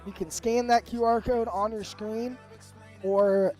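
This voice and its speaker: A man's voice: high-pitched, fairly even intonation, measured pace, a little mellow, faint music behind. A man commentating a live sim race, upbeat and rambling with fillers, his voice worn from the flu. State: sick with flu.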